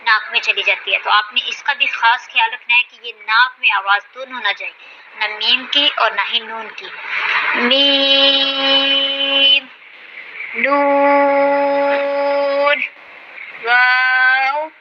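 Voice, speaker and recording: A woman's voice: a little high, steady tone, highs cut off, very noisy. A young woman, patiently teaching Quran reading and stretching out each letter name with care. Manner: drawn-out, carefully enunciated letter names.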